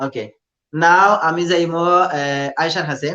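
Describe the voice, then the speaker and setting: A man's voice: fairly high pitch, fairly even intonation, unhurried, pushed and bright. Sylheti man teaching over a dull call. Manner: patient, drills sounds for repetition, mixes English in. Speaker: Quran teacher. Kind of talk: live online recitation lesson. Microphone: video call. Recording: dull lo-fi video call audio.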